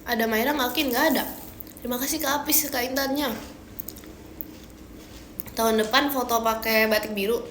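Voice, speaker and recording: A woman teasing and chatting on a livestream, thanking viewers, her voice booming in a strong hall-like echo. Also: steady tone, moderate pace, long pauses, a bit bright. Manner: teasing, chatty, laughs often. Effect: strong booming echo like a big hall. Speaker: livestream co-host. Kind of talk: casual chat on a livestream. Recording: echoey room, faint noise.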